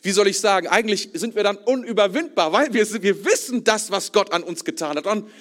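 A man's voice: sits high, fairly quick, a bit bright. A man preaching a casual sermon, enthusiastic and colloquial, often repeating words as he builds a point.

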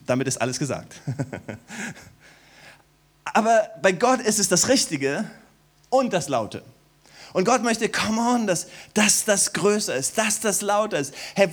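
Man, middle-aged, pastor, sermon, slightly high voice, shifts between soft low passages and loud exclamations. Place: warm church hall.

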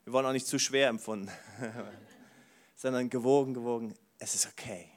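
Animated male preacher, dynamic swings. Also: mid-range voice, normal speed. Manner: animated, swings from soft asides to loud exclamations; says "wow" often. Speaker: pastor. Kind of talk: sermon.

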